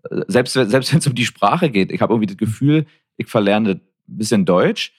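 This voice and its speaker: A man from Berlin with a Berlin accent, talking in a reflective, halting way with many restarts in a casual conversation. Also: fairly low pitch, lively intonation, breathy edge. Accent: Berlin German. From Berlin, Germany.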